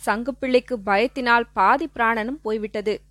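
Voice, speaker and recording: A woman narrates a classic novel chapter by chapter in a measured, expressive reading voice. Her voice sits high, and the recording is close and dry with no room sound. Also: no room sound. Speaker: audiobook reader. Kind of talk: scripted narration.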